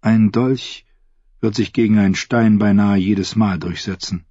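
Low, husky male storyteller. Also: dry recording. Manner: steady, measured storytelling. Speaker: audiobook narrator. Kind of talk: scripted narration. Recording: dull, dry close recording.

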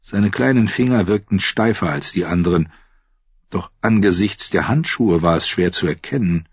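A man narrating a fantasy audiobook in a low, husky voice with measured, even delivery. The sound is dry and slightly dull, as on a lo-fi recording. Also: no echo.

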